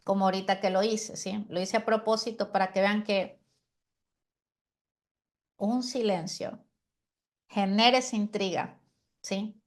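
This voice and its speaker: A woman giving a conversational lesson on how to preach. She uses deliberate pauses and often adds "¿sí?" and "amén". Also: mid-range voice, fairly even intonation. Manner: frequent rhetorical "¿sí?" and "amén". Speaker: preaching teacher.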